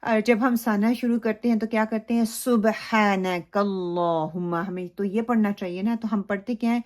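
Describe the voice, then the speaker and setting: A woman's voice: on the high side, flat delivery, a little mellow. Woman teaching Quran recitation. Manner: explains slowly, then recites phrases drawn out. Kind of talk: recitation lesson with model recitation.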